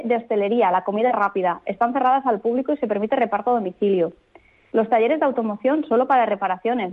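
A woman legal expert speaking as a radio guest, explaining rules in a clear, firm, methodical way. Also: fairly high pitch. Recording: tinny phone line.

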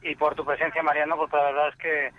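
A man's voice: a little high, flat delivery, fast talker, a little hiss or hum. A man calling in to a radio show over the phone line, polite and hesitant, with many fillers and restarts. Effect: heard over the phone line. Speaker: radio caller. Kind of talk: casual call-in chat.

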